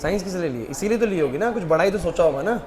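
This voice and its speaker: A man's voice: high-pitched, animated, very fast, darkish tone. A male teacher in a classroom, urging and scolding his students. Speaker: chemistry teacher.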